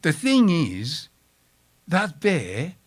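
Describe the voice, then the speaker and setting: Animated man telling a story. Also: extremely slow. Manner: animated, wide swings in pitch and loudness; chatty asides to the audience. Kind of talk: live oral storytelling. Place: storytelling event before an audience.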